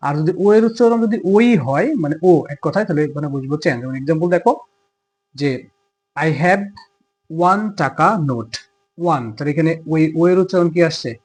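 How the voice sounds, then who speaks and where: A man's voice: fairly high pitch, rapid-fire, mellow, slightly rough. A man with a Bangladeshi accent teaching a grammar lesson. He explains step by step and asks questions he answers himself.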